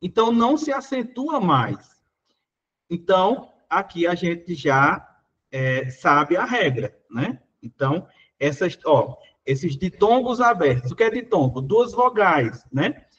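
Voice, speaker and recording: A man's voice: sits high, sing-song, takes it slowly, fairly bright tone, slightly rough, highs cut off. A Brazilian Portuguese man teaching, working through exam questions in a casual, conversational way, full of little fillers.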